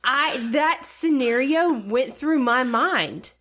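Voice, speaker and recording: A woman co-hosting a casual podcast, talking in an animated, teasing way. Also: high-pitched, slow, a little hiss or hum. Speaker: podcast co-host. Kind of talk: casual chat.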